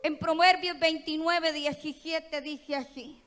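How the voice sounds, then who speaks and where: A woman pastor with a Costa Rican accent, preaching a sermon in a church with impassioned, emphatic delivery that swells to loud peaks. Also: sits high, fairly even intonation, slow pace. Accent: Costa Rican Spanish. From Costa Rica. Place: church hall. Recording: reverberant church hall with music.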